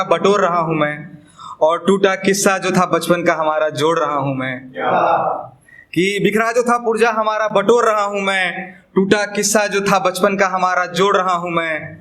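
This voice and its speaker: A Bihari poet with a Bihar accent performs his own spoken-word poems live, speaking emphatically, repeating lines for effect and dropping in chatty asides. His voice is high-pitched and a bit bright, at a normal speed.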